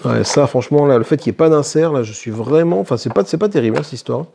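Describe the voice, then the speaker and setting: A man's voice: medium pitch, expressive, fast talker, vocal fry, warm tone, a little hiss or hum. A man hosting a tabletop game channel, casually explaining a solo playthrough and thinking aloud with small self-corrections. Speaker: board game channel host.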